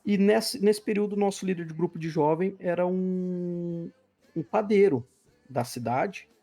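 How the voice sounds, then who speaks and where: A man's voice: sits high, a little slow, warm tone. A man, a podcast guest, earnestly telling a spiritual testimony and acting out the dialogue. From Brazil. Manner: earnest, vivid, acts out dialogue. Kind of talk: personal testimony storytelling.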